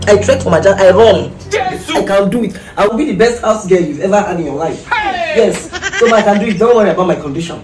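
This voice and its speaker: A man's voice: sits high, big pitch swings, fast talker, roomy sound, music in the background. A man with a Nigerian accent playing an eager, pleading woman job-seeker in a comedy skit, chatty and given to nervous laughter. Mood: pleading, excited. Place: living room indoors.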